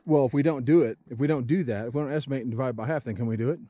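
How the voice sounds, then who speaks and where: A man hosting a casual vlog outdoors in a forest clearing, explaining his work in a chatty, plain-spoken, joking way, recorded on a handheld camera. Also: medium pitch, very fast, dry recording, phone-quality sound. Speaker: vlog host.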